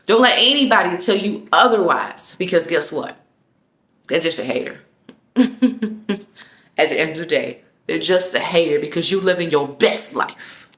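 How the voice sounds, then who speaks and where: A woman's voice: on the low side, fairly bright tone. Woman, casual motivational rant, repeats phrases, roomy echo. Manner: emphatic, repeats phrases, laughs often, slangy. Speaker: vlogger.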